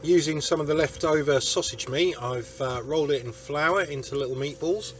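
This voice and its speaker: An older man who vlogs about vanlife narrates his travels chattily, with dry, self-mocking humour, speaking at normal speed in a slightly high voice. It's a casual travel vlog recorded in noisy outdoor conditions around his campervan and roadside spots.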